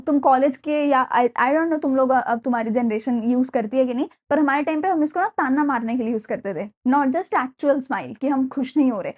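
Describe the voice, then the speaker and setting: A young woman teaching a class in a lively, chatty way, mixing in English phrases. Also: sits high, normal speed, few pauses. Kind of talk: classroom lecture.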